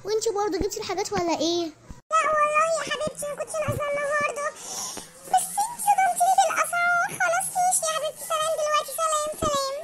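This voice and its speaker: Woman doing a very high squeaky Egyptian housewife, scheming, whiny, fast-talking. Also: background noise. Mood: chatty. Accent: Egyptian Arabic. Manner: whiny pleading, then bossy.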